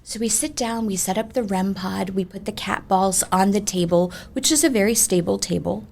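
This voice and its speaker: A woman ghost tour guide chatting in an animated, emphatic way as she tells ghost stories in an interview. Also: mid-range voice, moderate pace, vocal fry, a little hiss or hum. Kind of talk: conversational ghost storytelling.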